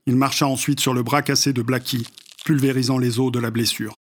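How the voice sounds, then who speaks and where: A male narrator reads a story aloud. His voice sits at an ordinary middle pitch. He keeps a steady, measured reading pace throughout. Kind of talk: audiobook narration.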